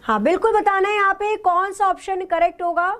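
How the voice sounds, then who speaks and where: A woman's voice: very high voice, steady tone, brisk, a bit bright. A woman teacher taking a live online class, asking questions and then answering them herself, with English terms mixed into her talk.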